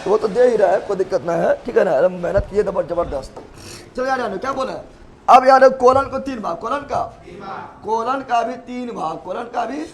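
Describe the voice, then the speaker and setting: Man, high voice, biology teacher, call-and-response drilling, loud and emphatic. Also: lively intonation, moderate pace. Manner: repeats questions, drills students in chorus; loud, emphatic, laughing often. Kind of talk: call-and-response classroom lesson.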